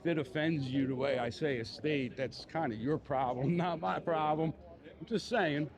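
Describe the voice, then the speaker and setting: A man's voice: on the high side, normal speed, a crowd in the background. Chatty man with a Philly accent. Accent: Philadelphia. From Philadelphia. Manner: rambling, lots of fillers like "you know". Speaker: live-streaming walking vlogger. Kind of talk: casual live-stream chat while walking. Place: outdoors on a busy city street.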